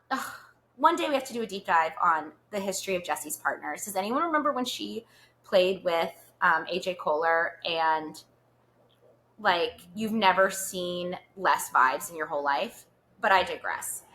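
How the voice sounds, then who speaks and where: A woman's voice: on the low side, pushed and bright. A woman hosting a podcast, telling stories in a chatty, gossipy way full of "like" fillers. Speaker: podcast host. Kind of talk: casual gossip chat.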